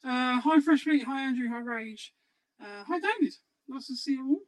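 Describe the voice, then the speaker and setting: A man hosting a casual livestream, talking through a voice changer that pitches his voice up to sound like a girl, hesitant with many ums. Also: normal speed, dry recording, rough recording. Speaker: podcast host.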